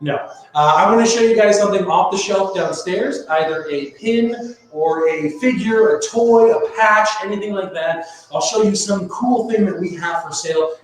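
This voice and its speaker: Echoey, high-pitched man hosting a live quiz. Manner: playful showman, casual asides to viewers. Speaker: host of a live-streamed trivia game show. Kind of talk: live quiz show hosting, chatting with viewers. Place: echoey room. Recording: very echoey reverberant space, music behind. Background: music.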